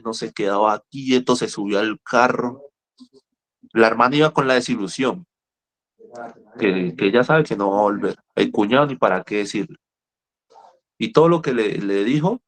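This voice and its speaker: A middle-aged man counseling people in recovery in a lively talk. He tells stories, repeats himself and speaks straight to his listeners. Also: medium pitch. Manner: animated, repeats words, speaks directly to listeners. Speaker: rehab counselor. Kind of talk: motivational talk with storytelling.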